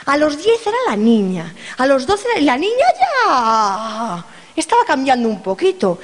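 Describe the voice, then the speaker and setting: A woman's voice: sits high, wildly swooping pitch, a little slow. A middle-aged woman telling a story live to an audience, playful and dramatic, speaking directly to her listeners. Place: hall with an audience. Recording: long hall reverb.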